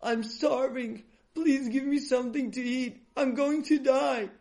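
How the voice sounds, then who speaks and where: A man's voice: very high voice, fairly even intonation, measured pace, a little mellow, voice pushed up. A man voicing a starving grown man who begs for food through tears. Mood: begging. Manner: pleading, tearful.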